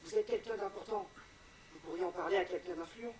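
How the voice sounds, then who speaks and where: A man's voice: high-pitched, a little fast, darkish tone, lightly acted. An actor playing an anxious, deferential male soldier who pleads earnestly in a video game. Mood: aggrieved, anxious. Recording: slightly distant, crowd chatter behind.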